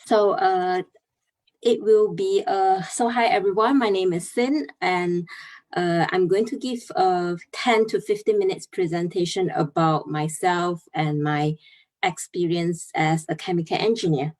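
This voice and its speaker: A woman's voice: lowish voice, darkish tone. A young woman from Malaysia, presenting earnestly over a video call and explaining step by step. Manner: earnest, explaining step by step with many pauses and fillers. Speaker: chemical engineer giving a talk.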